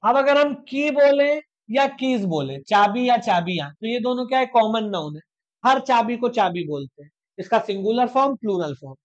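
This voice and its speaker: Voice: medium pitch, lively intonation, moderate pace. Patient teacher giving a dull lo-fi lecture. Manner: asks rhetorical questions and answers them; repeats points patiently, step by step. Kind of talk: online exam-prep grammar lecture.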